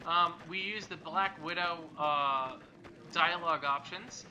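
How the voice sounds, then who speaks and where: A man's voice: on the high side, takes it slowly, muffled recording, noisy background. A man casually commenting on a video game as a let's play host, rambling and joking. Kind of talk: gameplay commentary.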